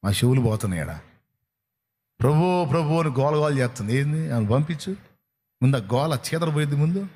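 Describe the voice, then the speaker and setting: Male preacher, fairly high voice, lectures hard and mimics people, recorded in a reverberant hall. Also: fairly quick, a little mellow, a little hiss or hum. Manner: scolding, acts out callers and congregants mid-sermon. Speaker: pastor. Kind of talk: sermon.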